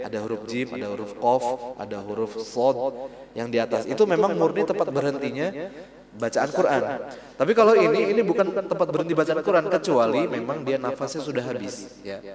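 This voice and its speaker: Guy teaching quran reading in a mosque, echoey hall, people around, keeps repeating syllables slow. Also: medium pitch, expressive, a crowd in the background. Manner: demonstrates sounds by repeating syllables slowly, drawn-out chanting. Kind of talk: relaxed classroom lesson.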